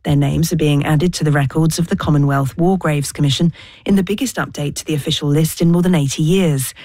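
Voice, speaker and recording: A woman's voice: low voice, fairly even intonation, brisk, mellow, no room sound. A woman newsreader delivering a scripted world news bulletin.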